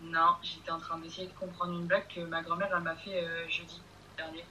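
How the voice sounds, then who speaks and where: A woman's voice: on the low side, little pitch movement, fairly quick, pushed and bright, a little hiss or hum, poor audio. A woman chatting casually with a friend, telling a rambling, laid-back story. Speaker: friend on a call. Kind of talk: casual chat.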